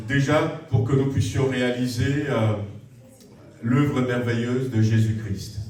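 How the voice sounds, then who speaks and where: In a large indoor church hall, a man with a mellow, mid-range voice makes announcements to the congregation. His delivery is friendly, hesitant, and full of filler sounds. He is recorded from far away, and the hall's echo is very strong.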